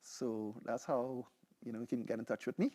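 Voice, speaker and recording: In a dark, mid-range voice at normal speed, a young Trinidadian PhD candidate gives a seminar presentation featuring a live demo. The talk is informal and conversational, with frequent check-ins like "right?" and "you know".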